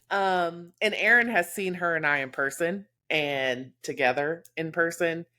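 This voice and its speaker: A Texas woman with a Texas accent co-hosts a podcast, chatting casually and candidly about friendships with heartfelt warmth and plenty of fillers. Her voice is on the low side, a little slow, pushed and bright.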